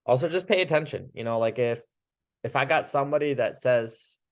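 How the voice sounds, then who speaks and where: A man who works as a chiropractor, teaching Spanish phrases to use with patients in a casual, chatty way. He laughs often and acts out the phrases in a lively voice. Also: medium pitch, a little fast. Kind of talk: casual instructional talk.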